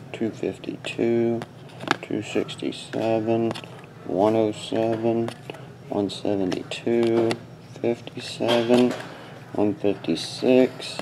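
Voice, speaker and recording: A man with a low, mellow voice hosts a sports card box break at a small indoor desk, muttering short, casual fragments while he sorts cards and opens packs. The audio is poor, with a bit of hiss or hum.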